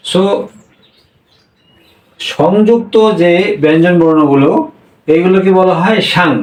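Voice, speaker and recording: A man teaching a language class, explaining slowly and repeating each point, often checking with a quick "yes?". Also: on the high side, darkish tone. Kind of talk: classroom-style lesson. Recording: echoey room, voice from a distance.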